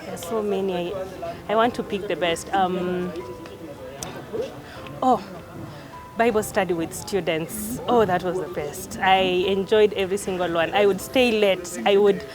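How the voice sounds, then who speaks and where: A woman's voice: medium pitch, measured pace. A woman with a Kenyan accent answering questions in a casual interview chat. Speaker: programme participant being interviewed. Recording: music playing behind the voice.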